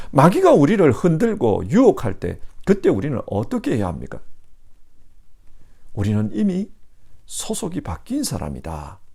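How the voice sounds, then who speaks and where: A man's voice: a little high, vocal fry, warm tone, breathy edge. A male pastor preaching a sermon in a church, asking the congregation emphatic rhetorical questions. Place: church sanctuary.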